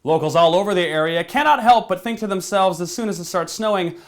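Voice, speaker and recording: A smug TV news anchor in a parody newscast, played by a man. He delivers in a deadpan, dismissive way, with a slightly raised pitch. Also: fast. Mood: dry, businesslike. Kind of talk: scripted mock newscast.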